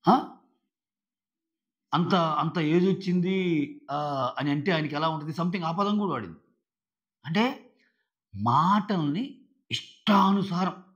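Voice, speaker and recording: High-voiced man arguing an episode review. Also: highs cut off. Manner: emphatic, argumentative, with rhetorical questions. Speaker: reality show reviewer.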